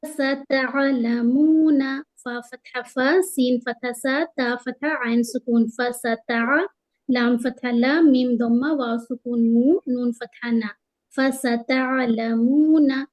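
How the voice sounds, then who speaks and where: High-voiced, unhurried woman teaching tajweed. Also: steady tone, rough recording. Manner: patient, explains rules plainly, slows right down to stretch recited words. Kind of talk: tajweed lesson, spelling out letters and drawing out recited words.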